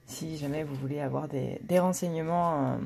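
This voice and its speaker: A woman's voice: low voice, moderate pace, gravelly, mellow, a little hiss or hum. A woman with a blunt manner, talking casually with many fillers and restarts as she gives a tarot reading for her channel. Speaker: tarot reader.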